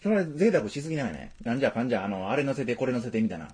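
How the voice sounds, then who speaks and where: A man's voice: mid-range voice, very animated, racing, a little mellow, slightly rough. A man with a Tosa accent chatting casually as a podcast co-host, joking and laughing often, with playfully formal asides. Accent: Tosa (Kochi) Japanese. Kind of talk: casual chat.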